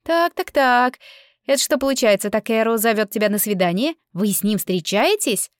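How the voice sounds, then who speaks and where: A woman's voice: mid-range voice, brisk, dry recording, studio quality, lightly acted. A woman voicing a nosy, mocking teenage girl who is the narrator's younger sister, in a storybook reading.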